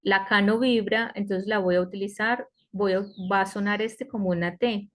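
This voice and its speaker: A woman teaching an online English class, explaining slowly and patiently and often checking in with her students. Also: mid-range voice, steady tone. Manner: slow, patient explaining with frequent checks like "¿cierto?". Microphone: computer mic on a web conference.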